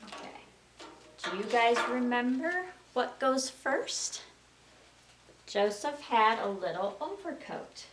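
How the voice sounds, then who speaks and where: A woman with a slightly high voice reads aloud slowly to young children, her pitch swinging widely in a sing-song style as she asks her listeners questions. The mic sits far away in a roomy space, picking up faint noise.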